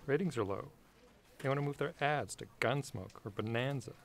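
A man voicing an earnest, gravelly puppet office man. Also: mid-range voice, moderate pace, lightly acted. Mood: urgent. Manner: earnest, insistent. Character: earnest sock-puppet 1960s office man devoted to science fiction. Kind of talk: comedic puppet parody dialogue.

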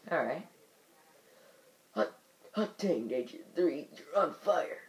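A man voicing an excitable old male squid captain from a video game, in a hearty, exclaiming old-man voice. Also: a little high, slow, voice pushed up. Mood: excited.

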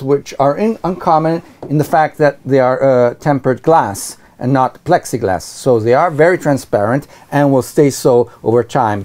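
Middle-aged male host, mellow tone, relaxed interviewer in a sailboat cabin, lapel mic. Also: mid-range voice. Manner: conversational, prompts and completes the guest's sentences. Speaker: sailing show host. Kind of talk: boat review interview. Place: aboard a sailboat, inside the cabin.

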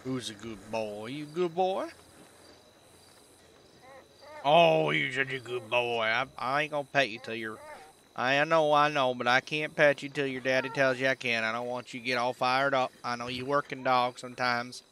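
A man's voice: mid-range voice, fairly even intonation, moderate pace, sharp tone, slight background noise. A man playing a friendly, folksy country tow-truck driver with a drawling way of talking, in a game role-play. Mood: doting.

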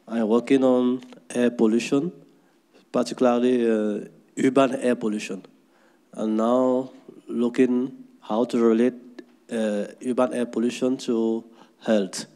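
A man's voice: medium pitch, flat delivery, a little slow, dark tone. A man from Cameroon introducing himself to the group at a workshop in a plain, friendly way.

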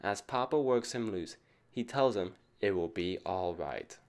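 This storybook reader is a man whose voice sits low; he's expressive and keeps a measured pace. He reads a picture book to children and, teacher-style, asks them questions.

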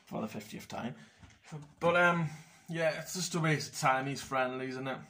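A man's voice: mid-range voice, normal speed, pushed and bright. A young man ranting casually about football selections, blunt and sweary. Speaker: football fan vlogger.

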